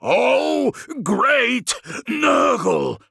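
Warbling plague sorcerer, shrill. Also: male voice, very animated, very slow, gravelly, slightly rough, dry recording, studio quality, heavily acted. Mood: ecstatic. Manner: intoning, ecstatic, shouted prayer. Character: fanatical male plague-cult sorcerer, warbling.

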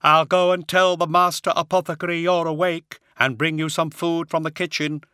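A skull-faced warrior monk with a hollow, high-pitched voice, as a male narrator puts him on. He speaks slowly and gravely, every word weighed. The tone is forceful and tense, and the recording is dry and close. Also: little pitch movement, dry recording. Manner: slow, grave and measured.

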